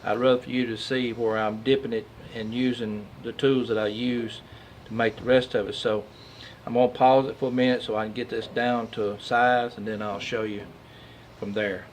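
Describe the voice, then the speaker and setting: Heavy machinery and workshop noise surround a Southern US craftsman as he works a lathe and walks through making a duck call in casual, plain-spoken terms. His mid-range voice moves little in pitch at a moderate pace, on a rough recording.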